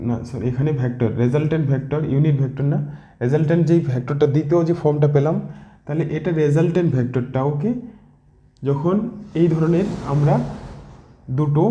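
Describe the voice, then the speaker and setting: A man's voice: on the high side, dark tone, echoey room, muffled recording. A man teaching physics with a Bengali accent, explaining step by step and asking questions that he answers himself. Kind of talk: classroom-style lecture at a board.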